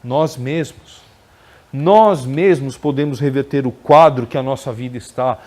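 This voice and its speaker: A man's voice: mid-range voice, a little slow, a little mellow. A man giving a conversational spiritual lecture at a spiritist center, often ending phrases with tag questions. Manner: conversational, frequent tag questions, acts out quoted dialogue.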